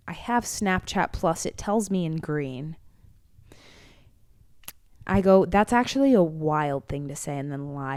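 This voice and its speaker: A young woman co-hosting a casual podcast tells stories and reads her ex's emails aloud in a mocking, dramatic voice. Her fairly low pitch has a clear, resonant tone, captured in a clean studio with no room sound.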